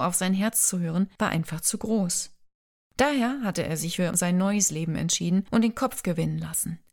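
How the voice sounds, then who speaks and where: A woman's voice: fairly low pitch, darkish tone. A woman reading a romance novel aloud as narrator, lightly voicing the characters' lines. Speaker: audiobook narrator. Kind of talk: scripted narration.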